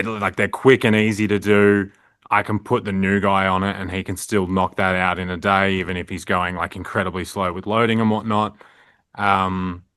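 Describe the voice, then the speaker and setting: A young Australian man with a low voice talks in a loose, rambling way, full of fillers and "like"s. His tone is bright and forward. The sound is dry and close. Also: no echo. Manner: rambling, filler-heavy, frequent "like". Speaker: print shop owner, guest. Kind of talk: casual interview chat.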